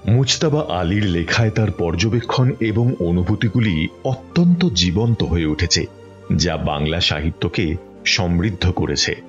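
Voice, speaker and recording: A man reading a book aloud as an audiobook, in a measured, expressive storytelling manner. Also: low voice, muffled recording, soft background music.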